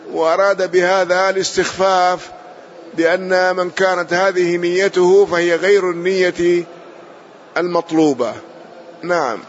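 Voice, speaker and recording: Male teacher, fairly high voice, methodical line-by-line explanation that repeats itself for clarity, lo-fi hissy recording. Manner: measured explanation, repeats and rephrases, closes points with a short affirmation. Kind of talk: classical text lesson, explaining line by line. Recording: muffled lo-fi audio with faint hiss.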